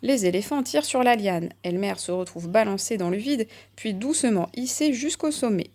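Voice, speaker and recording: Calm woman reading a children's story. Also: mid-range voice, normal speed. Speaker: narrator.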